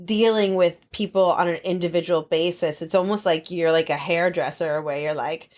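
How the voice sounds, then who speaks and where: A woman hosting a podcast interview, chatty and animated, laughing often and asking long, rambling questions. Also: lowish voice, moderate pace. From United States. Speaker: podcast host. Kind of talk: casual interview chat.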